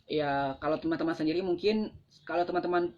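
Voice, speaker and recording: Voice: mid-range voice, brisk, a little hiss or hum. A mentor with an Indonesian accent giving a casual live-stream talk on presentation skills, conversational with frequent fillers. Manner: conversational, explains with acted examples, frequent fillers. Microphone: phone. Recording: slightly dull lo-fi live-stream audio.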